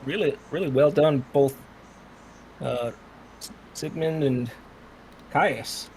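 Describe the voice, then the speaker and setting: A man's voice: on the high side, slow pace, darkish tone, a little hiss or hum, rough recording. Friendly man with a Southern US accent. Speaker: player. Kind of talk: tabletop game chat and in-character talk.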